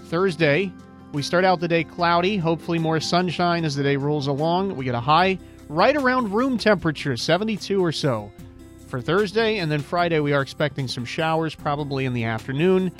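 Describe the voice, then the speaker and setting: Smooth, easygoing male radio host. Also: fairly high pitch, lively intonation, fairly quick, faint music behind. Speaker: radio call-in show host. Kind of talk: casual local radio call-in chat.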